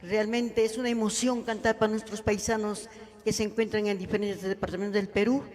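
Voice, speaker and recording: A woman's voice: medium pitch, level tone, brisk, darkish tone. Ayacucho folk singer woman, echoing hall. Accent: Ayacucho Peruvian Spanish. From Ayacucho, Peru. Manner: earnest, heartfelt address to the audience. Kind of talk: live huayno singing and stage talk. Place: live cultural event on stage. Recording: long echoing reverb, faint music.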